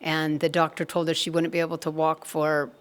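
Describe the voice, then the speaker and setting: A woman giving a spiritual satsang talk, telling a story in a gentle, measured way. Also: low-pitched, monotone, clean tone. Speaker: satsang speaker.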